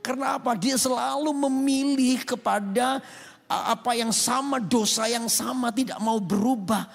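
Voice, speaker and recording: A male pastor with an Indonesian accent delivers a sermon, urging the congregation to answer amen. His voice sits high and has a husky, gravelly edge. It rings out through a large hall with a long echo. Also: moderate pace. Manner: emphatic, calls for amen responses. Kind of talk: sermon with acted anecdotes. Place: large rooftop church hall.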